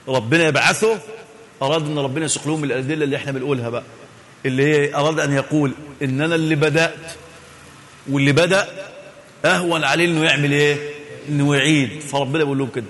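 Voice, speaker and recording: A man's voice: on the high side, fairly bright tone, a little hiss or hum. Egyptian man teaching in a reverberant hall. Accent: Egyptian Arabic. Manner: asks the audience questions and answers them himself; repeats key words for emphasis. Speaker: religious teacher. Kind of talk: Quran tafsir lesson.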